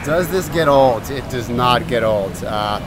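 A man's voice: medium pitch, measured pace, a crowd in the background. A man training as a test conductor, talking eagerly and conversationally in a casual on-site interview. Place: large busy training facility. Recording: noisy room with machinery hum.

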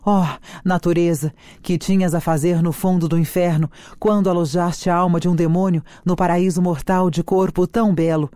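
A reader voicing Juliet, a passionate young noblewoman, declaiming slowly in a dramatic reading of a play. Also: mid-range voice, little pitch movement, warm tone, dry recording, lightly acted. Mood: anguished.

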